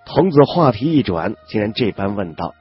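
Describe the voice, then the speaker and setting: A man narrating a fantasy web novel audiobook in a steady voice, dropping in small spoken fillers. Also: fairly low pitch, normal speed, husky. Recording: dull lo-fi audio with faint background music.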